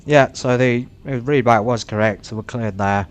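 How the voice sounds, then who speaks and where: A man narrating his flight simulator session casually and haltingly, muttering to himself between pilot radio calls. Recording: rumbly background noise.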